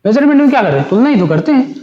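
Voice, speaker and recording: High-voiced man teaching in an echoey room. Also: very animated, rapid-fire, dull audio. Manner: explains step by step, asks and answers his own questions; mixes Hindi and English terms. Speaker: physics teacher. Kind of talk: classroom lecture.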